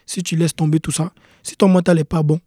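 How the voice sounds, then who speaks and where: Young male athlete guest, quick earnest delivery, warm tone, dry close mic. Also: fairly high pitch, little pitch movement, no room sound. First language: not English. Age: young adult. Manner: repeats key points, earnest. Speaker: guest, pro soccer player. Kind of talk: casual interview talk.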